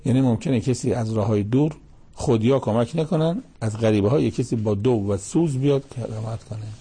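A man giving a religious commentary lecture in a measured, emphatic way, reciting Arabic verses between his explanations. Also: mid-range voice, warm tone, breathy edge. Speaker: Quran commentator.

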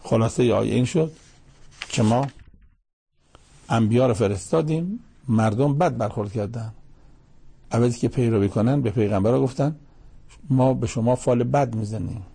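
Man, religious lecture, gravelly, husky, measured and emphatic, recites verses. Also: mid-range voice, mellow. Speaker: Quran commentator.

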